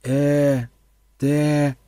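A male reader voicing an inquisitive male companion who asks questions and exclaims excitedly. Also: on the high side, very slow, no room sound, voice pushed up.

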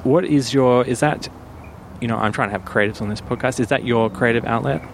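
Gravelly-voiced man hosting a podcast. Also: mid-range voice, fairly quick, slight background noise. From Perth, Australia. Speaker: podcast host. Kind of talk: casual interview chat.

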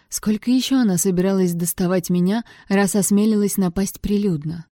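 A woman's voice: lowish voice, warm tone, dry recording, clean studio sound. A woman reading a first-person novel aloud, with a wry, sardonic tone. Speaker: audiobook narrator.

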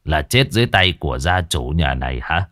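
A man voicing a stern, grave older exorcist in a ghost story, speaking slowly and quietly. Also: rumbling low, big pitch swings, no room sound, clean studio sound, voice pushed down, full character voice. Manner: slow, grave, measured.

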